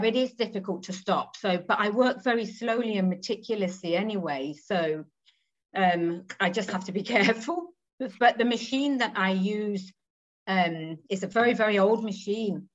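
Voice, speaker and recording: A woman's voice: mid-range voice, normal speed. Woman in her 40s, chatty and thoughtful, bit dull video call sound. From England. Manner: chatty, thoughtful, trailing asides with tag questions. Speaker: guest textile artist. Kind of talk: casual interview over video call. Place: home room with green walls.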